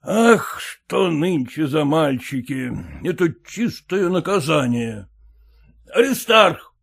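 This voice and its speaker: A man voicing an irate middle-aged father who shouts in indignant outrage. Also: a little high, animated, takes it slowly, creaky, exaggerated voice.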